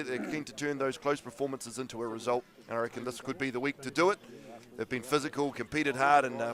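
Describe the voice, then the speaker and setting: Male rugby co-commentator, New Zealand accent, medium pitch, conversational live broadcast style.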